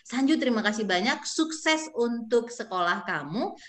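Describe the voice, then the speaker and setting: A woman's voice: on the high side, lively intonation, moderate pace. A woman with an Indonesian accent hosting a podcast in casual, chatty, informal style. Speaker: podcast host. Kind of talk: casual interview chat.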